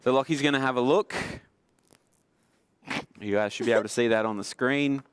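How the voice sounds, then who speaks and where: A man's voice: mid-range voice, moderate pace, clean tone, no room sound. A young man hosting a game at a youth group, explaining the rules playfully and laughing often.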